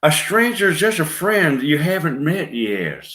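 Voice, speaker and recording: A man's voice: fairly high pitch, sing-song, unhurried, sharp tone, voice pushed up, exaggerated voice. Luke Duke, a man doing a thick Southern drawl. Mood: folksy. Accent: thick American Southern. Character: young Southern country man, folksy.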